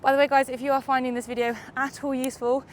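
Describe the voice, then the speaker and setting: Her voice is high-pitched and her delivery flat, yet this fast-talking young woman from the UK is chatty and upbeat, explaining as she rides an e-bike outdoors on roads and hills. She has a congested summer cold, and faint music plays behind the casual video review.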